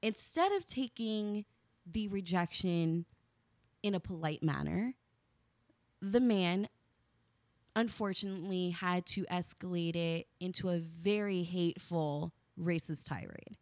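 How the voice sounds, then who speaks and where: A woman's voice: on the low side, measured pace, darkish tone, dry recording. A woman co-hosting a podcast in casual chat, chatty and self-deprecating, laughing often. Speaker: podcast co-host.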